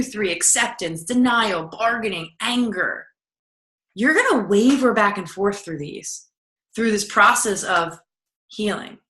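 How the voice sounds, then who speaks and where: A woman's voice: medium pitch, a bit bright. A woman coaching in a recorded video lesson, talking casually and acting out the self-talk she describes. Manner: conversational, repeats and acts out inner self-talk. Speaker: personal growth coach. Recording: echoey room.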